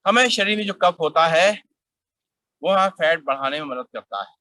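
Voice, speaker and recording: A middle-aged man leading a guided yoga class outdoors, calmly instructing and counting breaths aloud in a steady rhythm. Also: fairly high pitch, moderate pace, no room sound, rough recording.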